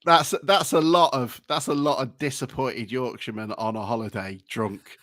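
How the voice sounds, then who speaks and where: An English man hosts a football podcast in a medium-pitched, slightly bright voice with fairly even intonation and a moderate pace. The chat is casual, with frequent laughter and occasional swearing, plus a read presentation segment. The recording is dry and studio-clean.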